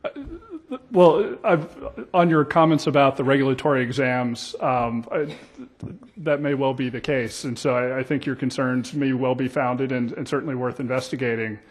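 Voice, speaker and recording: A man giving spontaneous formal testimony as an expert witness, polite and careful, with halting restarts. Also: mid-range voice, fairly even intonation.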